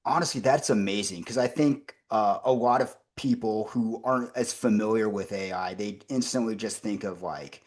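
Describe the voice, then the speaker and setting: A man's voice: lowish voice, moderate pace, few pauses. A man hosting a business interview podcast, upbeat and enthusiastic, with frequent fillers. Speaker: podcast host. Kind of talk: conversational interview.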